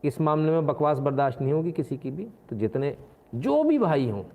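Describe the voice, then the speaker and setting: A man's voice: on the high side, big pitch swings, a little fast, dark tone. A man hosting a live stream, giving combative, mocking political commentary. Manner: combative and mocking, slips into acted voices. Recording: tinny phone-like sound.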